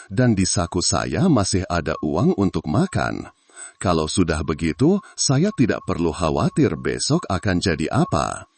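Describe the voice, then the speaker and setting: A man's voice: deep voice, slight background noise, full character voice. A man narrating a storybook voices a humble old village man over sixty who talks politely and plainly. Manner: polite, plain-spoken, unhurried.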